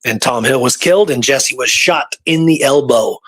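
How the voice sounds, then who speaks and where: A history talk show co-host with a slightly bright mid-range voice talks at a moderate pace in a casual discussion. He presses his points emphatically, repeating them for stress.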